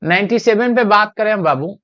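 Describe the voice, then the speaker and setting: A male teacher with a Bihari Hindi accent giving an exam-prep lesson, asking questions and answering them himself, and reading English question lines out slowly. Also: high voice, a bit bright. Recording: dull lo-fi sound.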